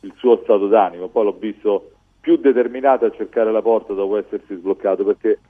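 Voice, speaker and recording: A man's voice: lowish voice, steady tone, a little fast, narrow, tinny audio. A man giving discursive, explanatory football commentary as a pundit on a live radio talk show.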